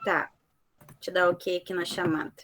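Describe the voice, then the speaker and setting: A woman's voice: on the low side, level tone, brisk, fairly bright tone. A woman teacher giving an online class lecture over a video call, often ending phrases with "tá?" and "né?" to check in with students. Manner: ends phrases with frequent "tá?" and "né?" checks.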